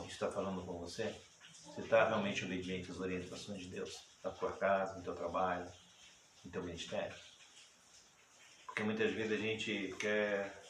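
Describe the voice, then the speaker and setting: A man's voice: mid-range voice, a bit bright. Man, pastor, sermon, repeats words, rising bursts, roomy echo, faint background hiss. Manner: preaches in rising bursts, repeats words, asks the congregation questions. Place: church hall. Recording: echoey room with faint ambient noise.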